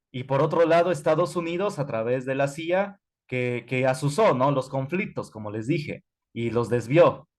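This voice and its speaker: Male teacher, mid-pitched, casual lecturing with fillers. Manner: conversational, frequent fillers and self-corrections. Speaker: history teacher. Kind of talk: online class lecture while typing notes.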